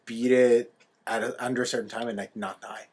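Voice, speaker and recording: A man's voice: mid-range voice, little pitch movement, fairly quick, a little mellow, slightly rough. A man co-hosting a podcast, bantering and teasing the others in casual chat. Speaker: podcast co-host.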